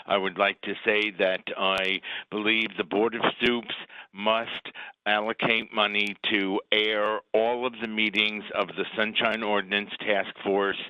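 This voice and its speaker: A man's voice: fairly low pitch, smooth, dry recording. A man calling in over a landline phone to make a brief, direct public comment at a committee hearing. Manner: brief, direct, measured statement. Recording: dull, lo-fi phone line.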